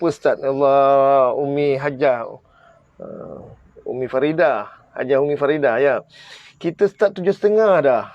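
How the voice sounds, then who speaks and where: Man, Malaysian accent, teaching live online, quizzing viewers, slightly high voice, dull lo-fi stream. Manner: quizzes viewers, presses them to comment and answer. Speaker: Arabic teacher. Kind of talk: live online grammar class.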